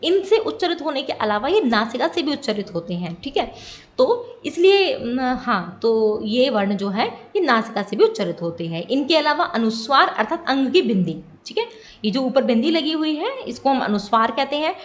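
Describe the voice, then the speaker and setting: A woman Sanskrit teacher giving an exam-prep lesson, explaining step by step and often pausing to check that students follow. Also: high voice, very animated. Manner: patient, repeats "ठीक है" to check understanding.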